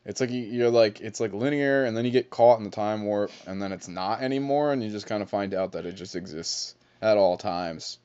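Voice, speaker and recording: A man's voice: on the low side, a little mellow, clear, resonant tone. Joking, rambling man on a muffled podcast. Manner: rambling, joking, swears casually. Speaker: podcast co-host. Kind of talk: casual chat. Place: shop basement.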